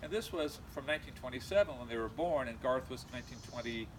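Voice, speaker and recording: A middle-aged man from California with an American accent, giving an informal eulogy in a halting, reminiscing way with frequent pauses. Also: mid-range voice. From California, USA. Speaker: eulogist, nephew of the deceased. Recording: noisy amateur recording, steady background noise.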